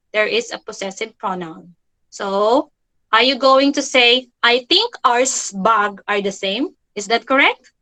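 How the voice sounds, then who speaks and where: A woman's voice: high voice, bright, forceful tone, rough recording. A woman teaching an online grammar lesson for children, repeating key phrases and checking in with "okay?" after nearly every point.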